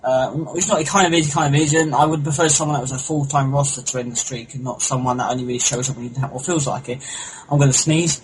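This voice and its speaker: A young man co-hosting a casual wrestling podcast, rambling and excitable, swearing often. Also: mid-range voice, fast talker. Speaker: podcast co-host. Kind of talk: casual chat. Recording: noisy home recording.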